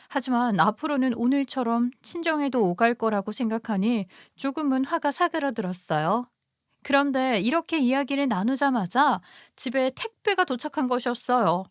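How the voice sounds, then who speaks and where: A woman's voice: fairly high pitch, no echo, clean studio sound. Woman narrating an emotional first-person story.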